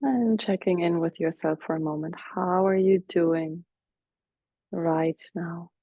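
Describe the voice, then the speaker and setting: A woman leading a guided breathing meditation as a teacher, speaking softly and soothingly, with some cues half whispered. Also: on the low side, vocal fry, dry recording, muffled recording. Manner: soft, slow, soothing guidance with whispered cues.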